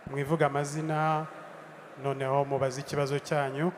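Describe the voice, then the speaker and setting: Flat-voiced male moderator in a hall. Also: on the high side, a little fast, a little hiss or hum. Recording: echoey hall with faint crowd ambience.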